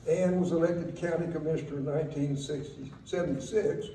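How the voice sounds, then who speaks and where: Older man, faltering fond eulogy, mellow slightly high voice, pauses, wry reminiscing. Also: steady tone. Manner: halting, faltering delivery with pauses. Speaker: eulogy speaker. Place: speaking at a memorial gathering in a room. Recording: roomy, distant mic, faint noise.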